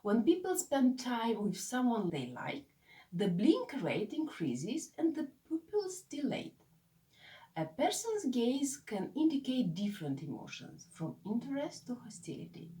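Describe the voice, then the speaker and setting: A woman reads a scripted lesson in a measured, explanatory way. Her voice is mellow and warm, and her pitch moves a lot. She sounds set back from the microphone. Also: sing-song, distant mic. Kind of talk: scripted narration.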